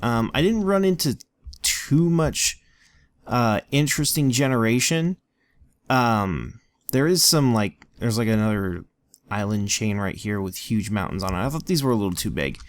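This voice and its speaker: A man's voice: lowish voice, lively intonation, moderate pace, no echo. A man casually narrating a tour of a game world, rambling with lots of ums and likes. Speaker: let's play co-host. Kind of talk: casual gameplay commentary.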